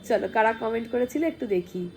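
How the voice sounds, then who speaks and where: A woman vlogger, hoarse from a cold, chatting casually at home and reading out viewer comments. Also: on the high side, animated, brisk, a little mellow, a little hiss or hum. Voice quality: husky, gravelly.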